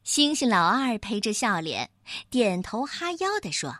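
A woman narrating a children's storybook in a slow, expressive storytelling manner. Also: on the high side, no room sound, clean studio sound.

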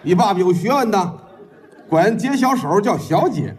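A man leads a xiangsheng crosstalk routine in a high voice that swoops up and down. He rattles off long, rhythmic patter lists and acts out scenes, mimicking the sounds himself. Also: sing-song, normal speed, crowd noise. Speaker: lead comic in crosstalk.

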